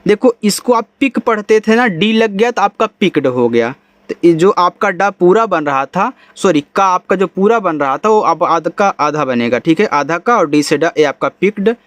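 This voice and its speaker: A man teaching English reading, spelling words letter by letter, then saying them slowly. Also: high-pitched, expressive, no room sound. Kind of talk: spelling-out phonics lesson.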